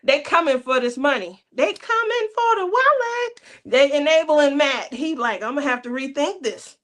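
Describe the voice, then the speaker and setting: A woman's voice: high-pitched, animated, normal speed, fairly bright tone. A woman, hosting a casual craft livestream, chatty and teasing with frequent laughter. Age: 30s. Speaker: craft channel host.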